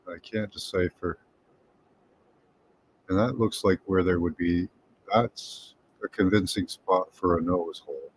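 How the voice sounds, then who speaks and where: A man giving unhurried, tentative commentary over images, thinking aloud with pauses and hums. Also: sits low, slight background noise. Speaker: remote viewing presenter.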